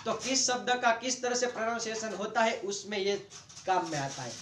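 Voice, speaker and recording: Indian male tutor, high voice, patient explainer, echoey room. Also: animated, fairly bright tone, slight background noise. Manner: patient, repeats words slowly to model sounds. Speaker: teacher. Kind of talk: online lesson explaining dictionary pronunciation.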